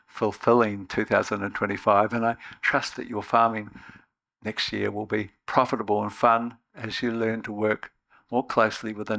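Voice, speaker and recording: A man hosting a video series, giving a measured, scripted introduction with friendly well-wishes. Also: fairly low pitch, creaky, a bit bright.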